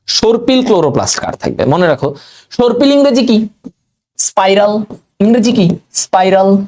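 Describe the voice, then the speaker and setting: A male tutor with a Bangladeshi Bengali accent runs an exam-prep biology lesson. His pitch swings widely as he quizzes the class and repeats each answer several times over. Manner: animated, quizzing students with mnemonics and repetition.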